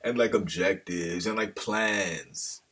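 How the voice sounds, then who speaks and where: A man's voice: low-pitched, slow pace, fairly bright tone, husky, recorded from a distance. A man talking casually to the camera in a loose, slangy monologue that drifts off on tangents. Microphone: camera held at a distance.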